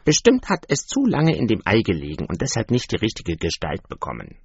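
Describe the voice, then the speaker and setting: A man's voice: on the low side, huge pitch swings, brisk, husky, dry recording, full character voice. A man voicing a proud, protective mother duck in a fairy-tale reading, earnest and coaxing, on a dull, dry recording.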